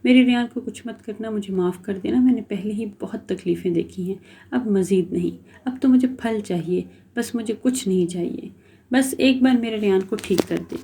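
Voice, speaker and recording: A woman's voice: medium pitch, dark tone, slight background noise, lightly acted. A woman reading the lines of a heartbroken young woman, tearful and pleading. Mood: praying.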